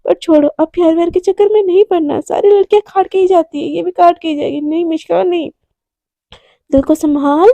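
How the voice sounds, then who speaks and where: Storybook romance: woman reading as a nervous young college girl in love, stammering, very high and soft-toned. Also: fairly even intonation, a little fast, no room sound, lo-fi sound. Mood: dreamy.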